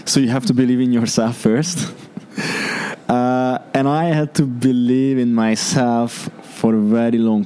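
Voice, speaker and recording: A young Hungarian man, a startup founder, answers interview questions in English, his second language, with a Hungarian accent. His voice is mid-range and dark, and he speaks earnestly while searching for words.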